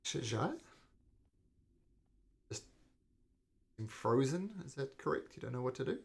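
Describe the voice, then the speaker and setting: Low-voiced woman running a tabletop game. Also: sing-song, slow pace, vocal fry. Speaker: game master. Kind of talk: narrating a tabletop role-playing game.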